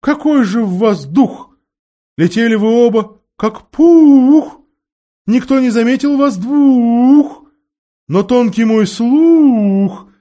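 A man voicing a fussy, excitable female owl that hoots and exclaims. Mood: excited. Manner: high hooting exclamations, drawn-out words.

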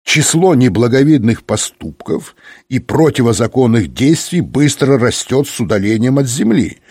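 A man's voice: mid-range voice, a little mellow, slightly rough, dry recording, clean studio sound. A man voicing an irritable, restless male inspector who speaks with agitated indignation, in a spoken story.

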